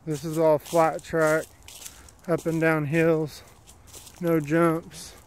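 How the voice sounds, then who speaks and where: Here a vlogger records himself on a handheld phone as he walks a wooded dirt trail, rambling in a plainspoken manner. He talks slowly in a smooth, somewhat high voice that barely moves in pitch.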